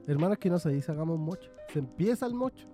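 A man's voice: a little high, lively intonation, fast, warm tone, soft background music. A young Chilean man co-hosting a podcast, chatting crudely and laughing often. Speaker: podcast co-host. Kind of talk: casual chat.

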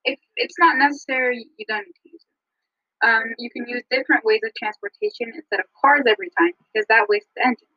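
A woman co-hosting a podcast in a casual, scripted chat with frequent ums, recorded over a low-quality phone line. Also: fast, slightly rough, no room sound. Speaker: podcast co-host. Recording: muffled dry phone-line audio.

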